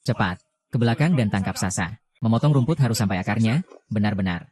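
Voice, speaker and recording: A man dubbing every role in a drama with a flat, even delivery. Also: on the low side, fast. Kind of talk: dubbed drama dialogue.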